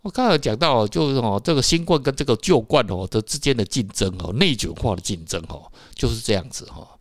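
A man's voice: mid-range voice, expressive, a little fast, dry recording. Taiwanese guy hosting a chatty solo show, bouncy up-and-down voice, dry close sound, lots of little filler words. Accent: Taiwanese Mandarin. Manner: rambling, full of filler particles and tag questions. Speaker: podcast host. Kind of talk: casual solo talk to listeners.

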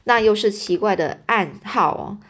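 Woman w/ telling a story out loud, chatty, halting, keeps explaining stuff. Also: mid-range voice. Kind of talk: casual read-aloud storytelling with explanations.

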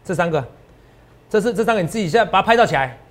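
A man's voice: sits high, expressive, rapid-fire. A man with a Taiwanese Mandarin accent hosting stock market commentary. He is emphatic and repetitive and keeps checking in with his listeners. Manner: emphatic and repetitive, often ends lines with a tag question. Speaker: stock market analyst host.

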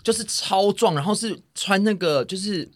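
A man's voice: normal speed, no room sound. A man co-hosting a podcast in casual chat, telling a story animatedly and acting out both sides of the dialogue. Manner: animated storyteller, acts out dialogue with big pitch jumps. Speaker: podcast co-host.

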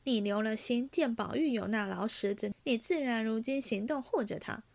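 A woman voicing a rash, hot-headed young nobleman who shouts in fast, angry bursts. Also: fairly high pitch, gravelly. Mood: taunting.

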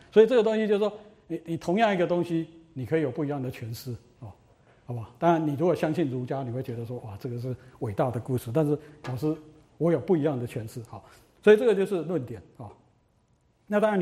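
A middle-aged university lecturer with a mellow, somewhat high voice. He tells old stories with lively asides and keeps asking the students rhetorical questions. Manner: animated storytelling, rhetorical questions.

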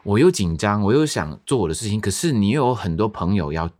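A male podcast host and singer chatting casually with friends, playful and quick to laugh. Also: fairly low pitch, big pitch swings, darkish tone. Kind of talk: casual chat.

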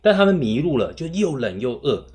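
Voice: medium pitch, big pitch swings, a little fast, warm tone. Teasing podcast co-host telling jokes. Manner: teasing, laughs often. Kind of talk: casual chat, telling jokes.

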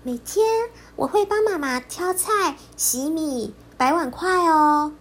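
A woman's voice: high-pitched, takes it slowly, pitched above the performer's own voice. A woman voicing a cheerful, polite little boy bear cub in an earnest, childlike voice. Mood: friendly.

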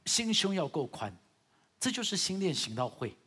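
A man preaching a sermon as a pastor in with a tinge, husky and emphatic, with halting, repetitive phrasing. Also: high-pitched, sing-song. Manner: emphatic, swinging from loud exhortation to quieter asides; halting, repetitive phrasing with occasional English words. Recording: long hall reverb.

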